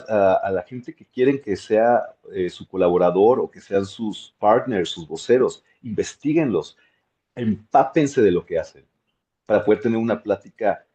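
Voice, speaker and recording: A man teaching a masterclass as a voice coach, animated and repeating words for emphasis. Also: lowish voice, muffled recording. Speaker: voice and speaking coach.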